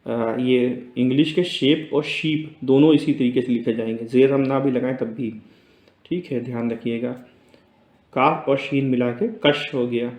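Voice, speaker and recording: Patient man teaching letters, mellow. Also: medium pitch, fairly even intonation. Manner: patient, repeats words slowly and checks in with "theek hai". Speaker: Urdu teacher. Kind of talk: casual spoken lesson, explaining letters on a board. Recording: roomy echo.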